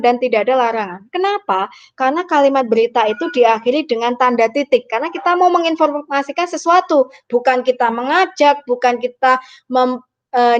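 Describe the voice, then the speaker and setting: A woman lecturer with a fairly high voice talks students through a lesson. She explains patiently, mixing formal phrasing with casual slang. The recording is a little dull and lo-fi. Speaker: university lecturer. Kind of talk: online lecture.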